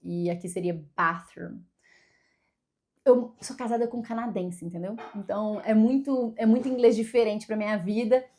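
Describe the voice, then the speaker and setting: A woman's voice: fairly high pitch, fairly even intonation, fairly quick, few pauses, warm tone. Chatty Brazilian woman vlogging. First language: Portuguese. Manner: chatty, self-deprecating, lots of fillers and restarts. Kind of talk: casual talking-to-camera vlog.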